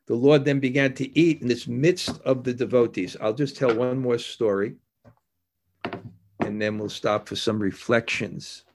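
A devotional teacher gives an anecdotal spiritual talk, weaving stories together with scripture readings. He speaks in a mid-range voice, reflective and conversational, pausing haltingly as he goes, with slight background noise.

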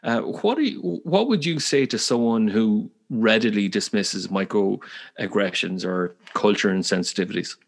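A man's voice: lowish voice, unhurried, vocal fry. A man with a Galway Irish accent hosting a conversational interview, speaking in a careful, thoughtful way. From west of Ireland. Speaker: podcast host, interviewer.

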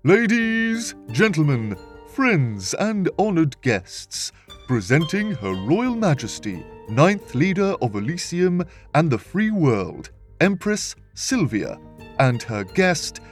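A man reading a story, putting on a short male herald making a loud, grand announcement. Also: on the high side, sing-song, slow pace, faint music behind, voice pushed up, heavily acted. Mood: grand, announcing.

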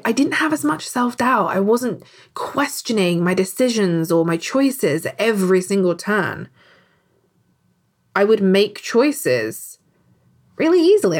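A woman's voice: mid-range voice, husky. A woman hosting a solo podcast, talking candidly and conversationally, swearing casually now and then. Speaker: podcast host. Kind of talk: reflective solo podcast talk.

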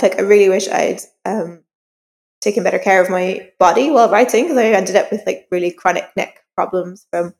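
A female author, her voice mid-range and slightly mellow, talks candidly and informally as an interview guest, reflecting while she speaks. It's a casual interview conversation recorded with long, reverberant room sound.

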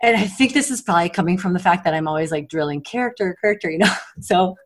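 A woman's voice: on the low side, expressive, fast. Woman, forties, podcast guest, chatty, sarcastic, laughing. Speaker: guest, mother of several children. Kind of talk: casual podcast interview.

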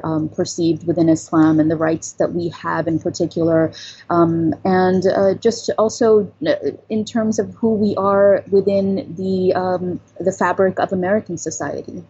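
Low, husky woman, thoughtful. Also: mellow, muffled recording. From Pakistan, raised in New York. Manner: thoughtful, measured, with frequent fillers. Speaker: guest, psychology professor. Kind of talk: interview answers.

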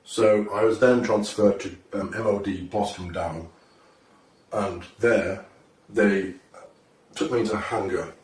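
A man speaking through a voice-disguising effect that pitches him deeper, talking in a halting, hesitant way. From Britain. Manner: halting, hesitant delivery with frequent pauses and fillers. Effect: voice disguised deeper by a pitch-shifting effect. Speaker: self-proclaimed time traveller in an online video. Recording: roomy, distant recording with faint background noise.

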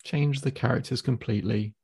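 A man with a gravelly, mellow voice leads a guided visualization as a therapist. He speaks slowly and calmly, giving step-by-step cues and counting the listener in. The sound is close and dry. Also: medium pitch, no room sound. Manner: slow, calm, instructive pacing with counted cues. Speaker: therapist guiding a client.

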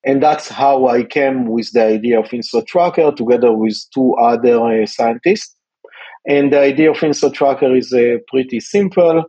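Male founder-scientist, husky, hesitant guest, on dull, dry remote audio. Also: mid-range voice, normal speed, warm tone, dry recording. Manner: hesitant, with many fillers. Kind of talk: interview guest.

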